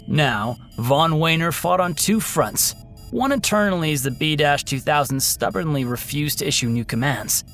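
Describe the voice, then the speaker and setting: A male narrator with a slightly higher-than-average voice and a gravelly texture. He tells a scripted sci-fi story and its background in a measured, dramatic way, with music clearly audible under his voice. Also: fairly bright tone.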